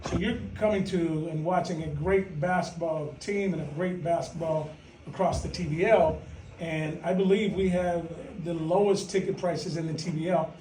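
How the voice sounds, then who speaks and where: A man with a high voice chats casually on a podcast, playful and quick to boast. He sits back from the mic, so his voice comes through an echoey room. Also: steady tone, mellow, far from the mic, a little hiss or hum. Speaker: podcast co-host, team representative. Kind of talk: casual chat.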